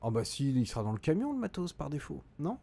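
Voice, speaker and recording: A man's voice: a little high, huge pitch swings, fast, vocal fry, mellow, husky. Chatty French-speaking man streaming a game. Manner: chatty, thinks aloud with frequent hesitations. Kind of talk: live gameplay commentary reading chat.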